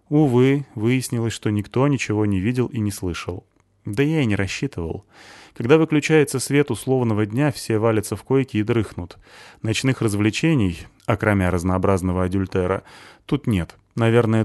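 A man's voice: fairly low pitch, darkish tone, dry recording, studio quality. A man narrating a first-person audiobook story in a sardonic, tough manner.

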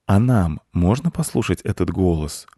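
A man voicing a clever male cat who talks softly, slyly and like a know-it-all. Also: low voice, big pitch swings, moderate pace, slightly rough, no room sound, clean studio sound, full character voice. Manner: soft, ingratiating, know-it-all.

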